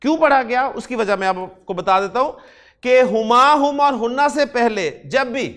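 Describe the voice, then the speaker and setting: A man from Pakistan teaching Arabic grammar in a lecture, explaining step by step, slowing down to spell out Arabic words and answering his own questions. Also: very high voice, fairly bright tone. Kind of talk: classroom lecture.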